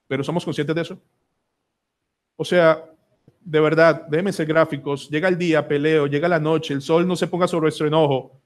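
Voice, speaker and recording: Emphatic Colombian pastor preaching. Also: male voice, fairly high pitch, steady tone, moderate pace. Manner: emphatic, pleading, asks the congregation many questions. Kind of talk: sermon. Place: church sanctuary.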